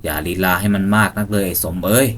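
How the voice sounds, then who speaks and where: A low, flat-toned stranger who sounds calm and never frightened, with a dark edge underneath, as a storytelling man puts him on. He presses and commands without ever raising real fear. It is a spoken ghost tale. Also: a little fast, slight background noise, natural voice. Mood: commanding. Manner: flat, even and unafraid. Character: eerie impostor hunter, calm then menacing.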